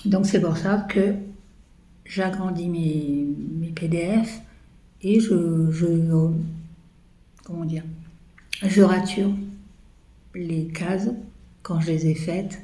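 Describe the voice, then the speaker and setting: A woman's voice: fairly low pitch, fairly even intonation, slow pace, long pauses, mellow. A woman vlogging about her embroidery projects in a hesitant, casual chat full of fillers, her throat choked and coughing. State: coughing, choking. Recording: echoey room, faint noise.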